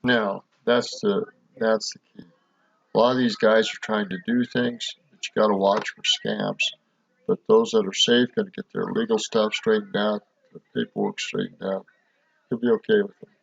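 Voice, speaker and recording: A gravelly, husky man from Montana chatting casually in folksy, filler-laden commentary. The recording is dull, dry and lo-fi. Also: on the low side, fairly even intonation, moderate pace, no echo. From Montana, USA. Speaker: video host.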